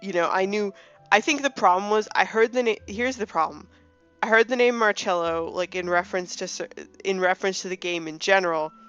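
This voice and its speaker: Woman in her twenties, casual game chat, chatty, self-correcting, mid pitch, faint music behind. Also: brisk, a bit bright, clean tone, muffled recording. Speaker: co-host.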